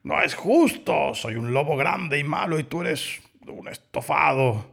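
A man's voice: mid-range voice, animated, fairly quick, gravelly, slightly rough. A man voicing a grumpy, hungry old male wolf who grumbles in exasperation. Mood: shouting.

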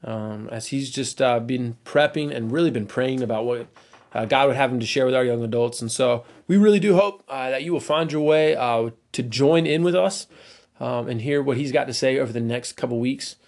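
A man hosting a casual church podcast, talking in a relaxed, chatty way with plenty of fillers, and he has a wife and kids. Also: mid-range voice, normal speed. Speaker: podcast host.

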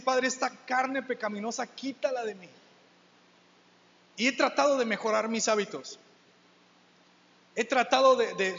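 High-voiced young preacher in a hall. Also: male voice, slight background noise. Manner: conversational and animated, acting out quoted dialogues. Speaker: youth preacher. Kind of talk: sermon. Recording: dull sound with long hall reverb.

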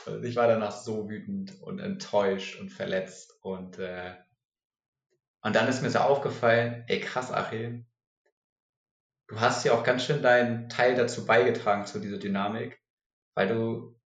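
A man's voice: fairly low pitch, vocal fry. A man talking candidly and searchingly about his feelings in a personal conversation. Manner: candid, searching, mimics others' voices. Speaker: guest sharing personal struggles. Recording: roomy echo.

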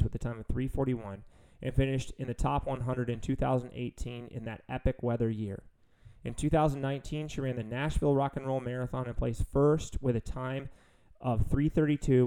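A man in his thirties with a Southern US accent hosts a running podcast from a studio and also works as a running coach. After a scripted intro reading a long list of race results, he chats with fillers in a mellow, mid-range voice, captured in a low-quality recording.

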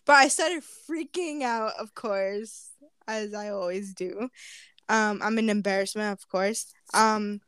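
A woman's voice: mid-range voice, measured pace, clear, resonant tone, no room sound. A young woman hosting a podcast, telling embarrassing stories in casual chat with giggles. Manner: animated, giggly storytelling. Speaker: podcast host.

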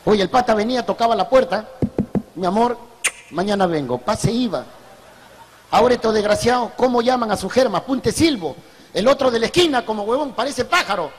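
High-voiced Peruvian street comedian. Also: male voice, quick pace, long reverb tail, slight background noise. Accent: Peruvian Spanish. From Peru. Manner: crude slangy storytelling, punchy. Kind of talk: street stand-up routine.

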